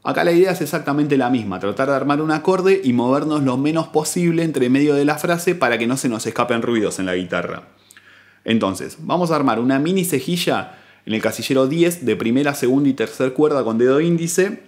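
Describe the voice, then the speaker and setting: A man, a guitar teacher giving a calm, methodical step-by-step tutorial, counting out strings and frets. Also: medium pitch, a little fast. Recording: guitar playing loudly between phrases.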